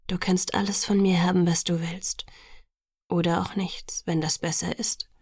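A woman whispering as Edward, gentle vampire. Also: lowish voice, unhurried, creaky, breathy edge, dry recording, clean studio sound, heavily acted. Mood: tender. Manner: soft, calm and tender. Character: gentle restrained young male vampire lover. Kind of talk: whispered role-play.

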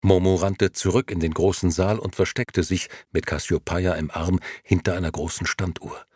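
A man reading a story as a calm, measured audiobook narrator. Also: deep voice, husky, no echo, clean studio sound. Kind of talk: scripted narration.

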